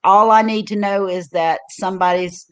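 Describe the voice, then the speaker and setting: Chatting casually on her livestream, an older woman tells loose, rambling stories packed with fillers and false starts. Her medium-pitched voice is smooth and a bit bright, with fairly even intonation and a moderate pace.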